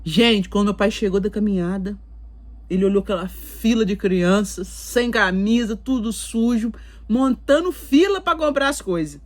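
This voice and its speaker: Recording while in Canada, a Brazilian woman chats casually with her viewers, telling her life story with plenty of fillers and asides. Her voice is medium in pitch and her speed normal.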